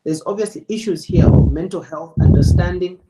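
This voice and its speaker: A public speaking coach gives a presenter spoken feedback, sounding measured, emphatic, and deliberate. His voice is high-pitched, and there's heavy background noise.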